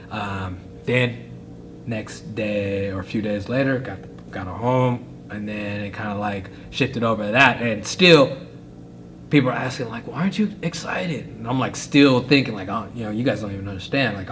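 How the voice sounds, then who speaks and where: Young guy, low-ish voice, casual rambling storyteller, faint hiss. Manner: rambling, filler-heavy, animated. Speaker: podcast guest, fighter.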